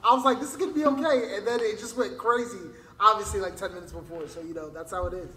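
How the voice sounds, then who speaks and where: Male co-host, fast high voice, offhand and flustered, heavy cave echo on the line. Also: pushed and bright. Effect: hollow cave-like echo from a poor connection. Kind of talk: casual livestream chat. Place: inside a church. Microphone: wireless earbuds.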